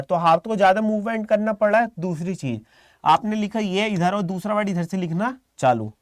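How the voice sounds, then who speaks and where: A man teaching a live online shorthand class, calm and encouraging, quizzing students by name. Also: high voice, no echo, clean studio sound.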